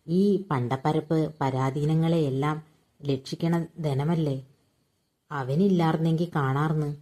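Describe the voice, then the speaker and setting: A woman reading aloud and voicing a bossy, secretive elderly mother who talks in an urgent hush. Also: mid-range voice. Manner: hushed, urgent pleading.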